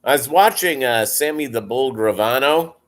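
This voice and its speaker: A man with a deep Southern American accent chatting casually as a livestream host, rambling and halting as he talks to viewers. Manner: rambling, halting delivery, reading and answering viewer comments. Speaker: live stream host.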